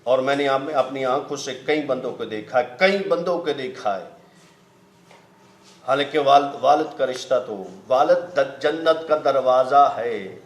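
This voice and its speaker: A man telling a moral story in an earnest, emphatic, preachy way, swearing oaths to stress that it is true. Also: mid-range voice. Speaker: moral speaker. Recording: echoey room.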